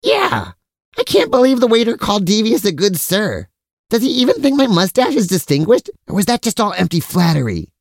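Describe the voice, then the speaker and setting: Man playing a chatty, vain, silly brother, lively swoops. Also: sits high, brisk, vocal fry, no room sound, clean studio sound, full character voice. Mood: distracted, chatty. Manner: chatty, vain, obliviously cheerful. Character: mustache-proud, food-loving, easily distracted silly brother. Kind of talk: comic audio drama acting.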